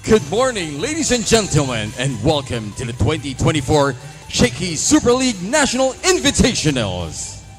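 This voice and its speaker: Booming man announcing players in an arena. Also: huge pitch swings, faint music behind. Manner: booming, drawn-out announcer delivery. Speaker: venue game announcer.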